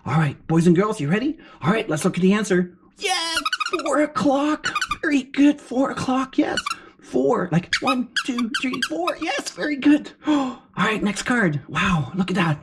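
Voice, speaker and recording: A woman voicing an excitable, encouraging furry puppet as a kids show host, with gasps and exclamations while teaching children. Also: a little high, measured pace. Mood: excited, encouraging. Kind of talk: children's lesson, sing-out praise and questions. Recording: clear background noise.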